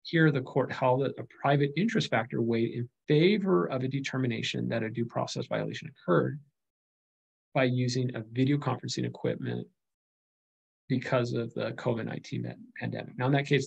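A man's voice: medium pitch, creaky, slightly rough, dull audio. A middle-aged man giving a recorded slide lecture on legal studies, speaking conversationally with frequent fillers and restarts.

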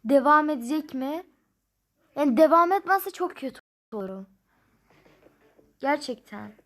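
A woman's voice: sits high, expressive, measured pace, a bit bright. A young woman playing a mobile number game, commenting casually and grumbling in frustration as she counts numbers aloud.

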